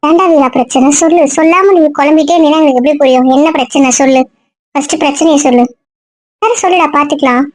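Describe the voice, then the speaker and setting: High-voiced coaxing best friend, dry close sound, put on by a man. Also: fast, dry recording, lightly acted. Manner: coaxing, reassuring.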